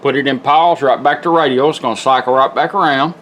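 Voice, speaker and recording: With a slightly bright, mid-range voice and a brisk pace, a car radio restorer casually demonstrates a product as music plays from a car radio. His style is hands-on, plain-spoken and folksy.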